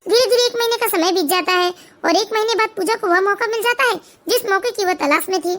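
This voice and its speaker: A woman narrating an animated family story in a plain, steady storytelling manner. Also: very high voice, quick pace.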